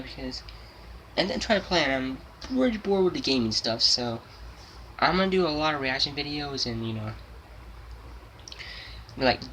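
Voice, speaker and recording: A gaming channel host, seventeen and close to turning eighteen, delivers an unscripted, casual monologue full of rambling, repetition, and restarts. He has a mid-range, bright, forceful voice, heard through poor audio with slight background noise.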